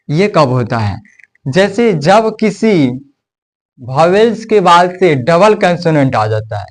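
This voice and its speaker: Man, somewhat high voice, unhurried, English phonics teacher, repeats and checks in. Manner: slow, repeats sounds and checks with "ठीक है". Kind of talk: blackboard phonics lesson.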